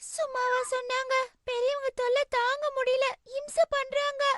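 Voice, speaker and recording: Leena, a very high-pitched sulky cartoon girl, voiced by a woman. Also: flat delivery, moderate pace, a bit bright, slight background noise. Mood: complaining. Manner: whiny and complaining. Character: stubborn young schoolgirl, sulky and defiant. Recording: cartoon dub with music behind.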